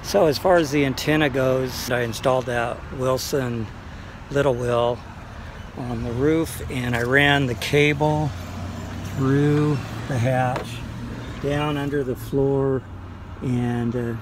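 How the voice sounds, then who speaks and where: Speaking at a medium pitch in a flat tone, this middle-aged man vlogs a car install as a casual step-by-step walkthrough, unhurried and full of fillers. The phone camera mic sits close, and background noise comes through as he moves between a small car and the tree-lined lot beside it.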